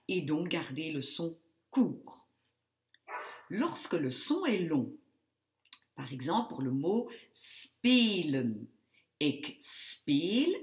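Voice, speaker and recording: A woman teacher explaining spelling rules step by step in a lesson, stressing each example word. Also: low voice. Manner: teaching in French, switching to Dutch for the example words. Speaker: Dutch language teacher.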